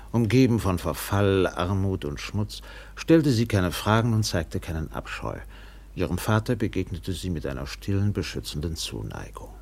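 In this German radio play, a man uses a full character voice, deep, gravelly and husky, as a weathered steamship captain telling a colonial story. His storytelling is expressive and measured, with narration woven together with acted dialogue.

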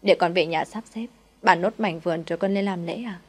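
A woman's voice: on the low side, fairly quick, breathy edge. A woman voicing a poor, humble old mother who pleads tearfully. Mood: desperate.

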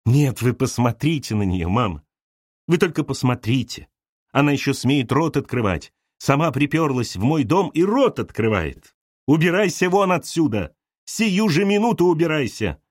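A man's voice: animated, unhurried, a little mellow, dry recording, clean studio sound. A man reading an audiobook voices a hysterical, jealous young woman who shrieks her accusations. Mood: furious. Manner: shrill, sobbing and screaming accusations.

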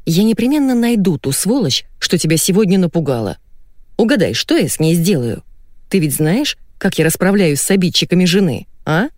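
A woman reading an audiobook, voicing a smooth-talking husband who coos and placates his wife. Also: on the low side, big pitch swings, a little fast, darkish tone, no room sound, clean studio sound. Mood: placating. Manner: cooing, placating. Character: smooth-talking husband, adult man, soothing.

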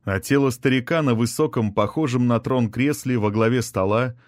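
A male audiobook narrator reading a fantasy story in a steady, measured voice. He speaks at an ordinary middle pitch. The recording is close and completely dry. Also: no echo. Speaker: audiobook reader.

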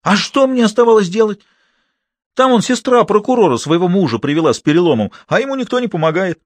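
A man voicing a hot-tempered middle-aged hospital deputy chief who shouts and bosses people around. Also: sits high, fast, no echo, pitched above the performer's own voice. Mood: agitated. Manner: shouting, excitable, bossy.

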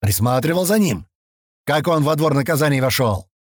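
A man's voice: on the high side, lively intonation, moderate pace, no room sound, clean studio sound. A man voicing a fat, drunk male governor who bellows and spits out threats, in an audiobook. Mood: contemptuous. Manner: bellowing, slurring, spitting threats.

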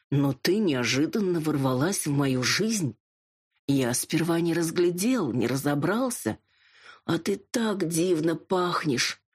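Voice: mid-range voice, breathy edge, voice pushed up. A narrator voicing a haughty dragon lord. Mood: tipsy longing. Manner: drawn-out and pleading when drunk, curt when sober. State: drunk and drowsy. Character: arrogant male dragon lord, a gruff millionaire.

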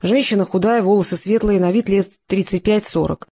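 A woman voicing a male surveillance operative giving a slow, matter-of-fact report. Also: medium pitch, warm tone, close to an everyday voice.

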